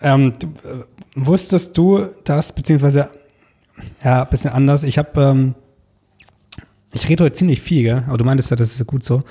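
A man's voice: medium pitch, steady tone, brisk, long pauses, dark tone, breathy edge. A young man co-hosting a podcast in casual, conversational chat. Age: young adult. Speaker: podcast co-host.

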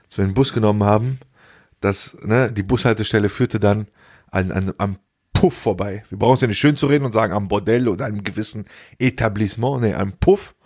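A man's voice: on the low side, fairly quick, a little mellow. Laughing storytelling young man. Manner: storytelling, laughs at his own jokes, mimics others. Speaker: podcast co-host. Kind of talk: casual podcast banter. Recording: remote call audio.

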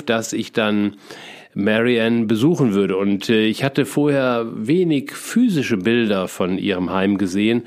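Middle-aged man, lowish voice, reflective storyteller; hesitant, musing delivery with frequent fillers. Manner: reflective, spiritual, many fillers and restarts. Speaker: feng shui consultant telling his life story. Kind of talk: personal storytelling monologue.

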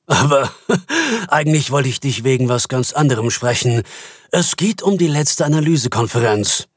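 A man voicing a harsh, irritable bank CEO who speaks in a curt, scornful way, with a husky voice. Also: medium pitch, animated, moderate pace, no room sound, clean studio sound, voice pushed up.

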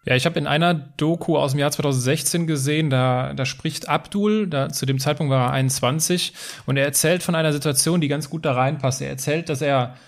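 A man's voice, a little higher than most, leads an interview. He sets up questions with care and hesitates now and then while he searches for words. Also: a little fast.

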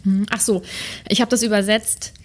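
A woman podcast host with a mid-range voice who talks in a halting way, full of filler sounds. She moves between casual chat and reading aloud. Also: mid-range voice, flat delivery. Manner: hesitant, many fillers and laughs.

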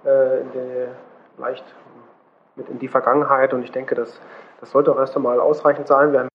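Man, interviewer, halting, repeats words, old low-quality recording, dull muffled sound. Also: little pitch movement, a little hiss or hum. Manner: halting, repeats words while searching for phrasing. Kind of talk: conversational interview.

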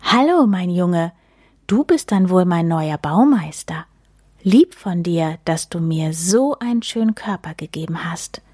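A woman voicing a friendly, magical male snowman spirit in a read-aloud children's story, with a soft, breathy and mysterious way of speaking. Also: fairly low pitch, lively intonation, a little slow, no room sound, clean studio sound. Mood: gentle.

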